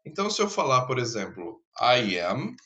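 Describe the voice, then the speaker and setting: Very animated and sharp-toned at medium pitch, this man's voice comes through with the highs cut off. In a recorded online lesson, the Brazilian teacher walks students through English grammar at a slow, patient pace, often pausing to ask "tá?".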